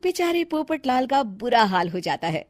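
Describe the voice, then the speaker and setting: A woman narrates a cartoon story briskly. Her voice is high and lively, recorded dry and close. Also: no room sound.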